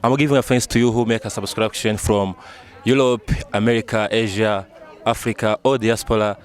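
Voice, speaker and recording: A man's voice: fairly low pitch, steady tone, moderate pace. A man hosting a casual street interview, quizzing his guest in a playful, informal way. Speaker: interviewer and channel host. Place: outdoors in a town.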